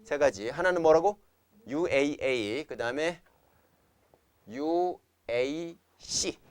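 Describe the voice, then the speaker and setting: A man's voice: on the high side, lively intonation, slow, clear, resonant tone, no echo. Korean science teacher quizzing his class. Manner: keeps quizzing students with repeated questions; playful chanting of memory tricks. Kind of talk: classroom lecture.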